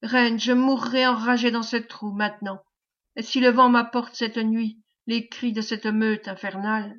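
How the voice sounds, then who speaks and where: A woman's voice: fairly high pitch, little pitch movement, unhurried, fairly bright tone. A woman reading an audiobook, voicing a desperate young man imprisoned in a cell, with intense pleading outbursts. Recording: dull lo-fi recording.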